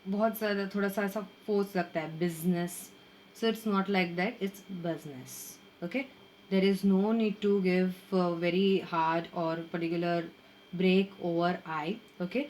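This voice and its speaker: Slow, careful woman teaching pronunciation. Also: on the low side, a little mellow, a little hiss or hum. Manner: slow, drawn-out repetition of model words. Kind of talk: Hindi-English mixed lesson.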